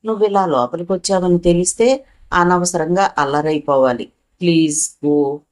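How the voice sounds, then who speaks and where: A woman's voice: lowish voice, moderate pace, lightly acted. Woman doing a wry young chauffeur. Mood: dry teasing. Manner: teasing, dry and dodging.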